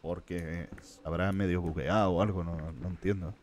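Spaniard muttering through a live game. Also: male voice, deep voice, steady tone, normal speed, a little hiss or hum. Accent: Spain Spanish. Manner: muttering to himself, swears often. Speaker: streamer. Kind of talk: live gameplay commentary.

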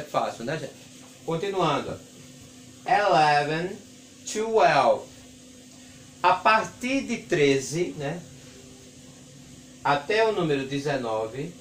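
A man teaching English numbers in an echoey classroom, speaking slowly and carefully. His voice sits slightly high for a man, and faint room ambience is heard behind him. His first language is Portuguese, and he drills each word with deliberate repetition. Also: a little hiss or hum. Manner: slow, drawn-out repetition of English words for students. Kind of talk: classroom lesson at a board. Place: classroom with a board.

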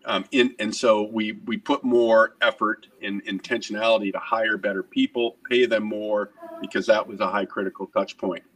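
A middle-aged restaurant executive speaks earnestly and energetically in a video interview from his home office, gesturing as he talks and repeating words. His voice is fairly low and moderately paced, picked up by a webcam on the call from a distance, with slight background noise.

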